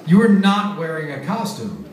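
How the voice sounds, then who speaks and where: Man putting on an exasperated party host, shrill and jumpy, echoey bar from afar. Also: wildly swooping pitch, moderate pace, distant mic, crowd noise. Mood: incredulous. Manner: incredulous, pleading, high-pitched exclamations.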